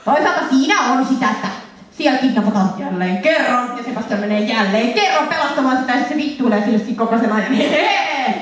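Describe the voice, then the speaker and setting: A young Finnish woman presenting a lively convention panel to an audience, laughing and acting out scenes in funny voices. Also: on the high side. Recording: echoey hall, voice from far off, faint noise.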